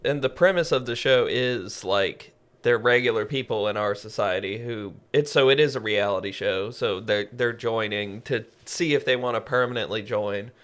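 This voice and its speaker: A man's voice: lowish voice, moderate pace, fairly bright tone. A man co-hosting a podcast, telling stories in casual chat with a wry, joking manner. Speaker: podcast co-host.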